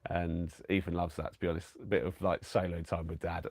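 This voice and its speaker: A low-voiced man with little pitch movement talks a little fast in a dry recording. He's live-streaming from his camper van, somewhat congested from a cold, and rambles warmly and chattily to viewers with frequent fillers and restarts.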